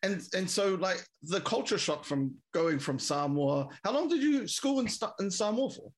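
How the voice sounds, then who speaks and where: A man's voice: sits high, lively intonation, moderate pace. A man hosting a podcast, asking casual questions and reacting eagerly to the answers. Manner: eager, easily impressed interjections. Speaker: podcast host. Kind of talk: casual interview.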